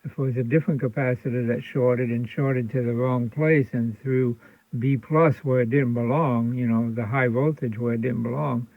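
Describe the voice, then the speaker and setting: A radio restoration hobbyist hosts from his workbench, casually explaining a repair in a rambling way, full of ums and restarts. His voice is medium-pitched with fairly even intonation and a normal speed. There's no echo, though the audio sounds tinny, like a phone.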